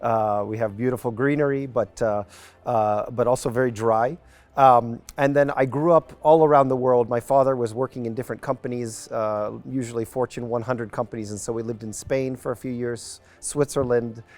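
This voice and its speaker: A man's voice: mid-range voice, steady tone, moderate pace, darkish tone. A man with an American accent, giving conversational interview answers as a club owner and investor guest. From United States, New Mexico.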